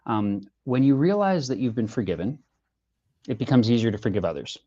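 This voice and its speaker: A middle-aged man speaks in an earnest, reflective way, often pausing and rephrasing as he gathers his thoughts. His voice sits at an ordinary pitch for a man. The recording is a little muffled and lo-fi. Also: sing-song, dark tone. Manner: earnest, reflective, restarts phrases while searching for words. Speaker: interviewed musician. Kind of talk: casual interview chat.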